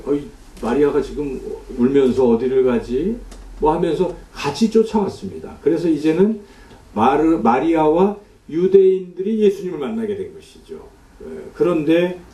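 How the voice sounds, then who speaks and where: Man, pastor, sermon, rhetorical questions, dark mellow voice, roomy echo. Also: medium pitch, distant mic. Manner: explains scripture with rhetorical questions to the congregation. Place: church sanctuary.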